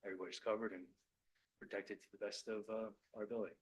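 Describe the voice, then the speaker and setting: A man who is a police lieutenant, addressing a village board meeting, choked up and halting, apologizing and repeating words as he explains. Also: fairly low pitch, little pitch movement, rough recording. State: choked up with emotion. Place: municipal meeting room.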